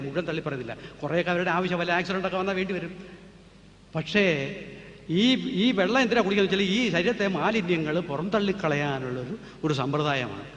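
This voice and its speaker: A man's voice: high voice, a bit bright. A man giving a public talk on natural healing, lecturing with emphatic rhetorical questions while answering audience questions. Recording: echoey hall, dull lo-fi with faint noise.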